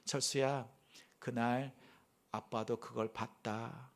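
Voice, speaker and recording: A man voicing a gentle, forgiving father who speaks slowly and softly. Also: medium pitch, level tone. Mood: tender. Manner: slow, soft and tender.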